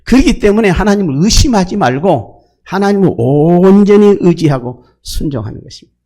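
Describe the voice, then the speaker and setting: A man's voice: high-pitched, animated, a little fast, warm tone. An older man, a senior pastor, preaching a sermon with rhetorical questions and acted-out pleas to God.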